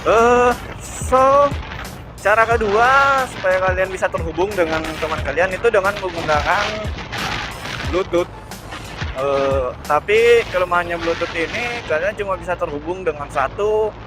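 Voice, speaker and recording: Riding outdoors on a motorbike, a man from Indonesia hosts his motovlog with a casual, hesitant explanation full of self-corrections. His voice sits high, and the audio quality is poor.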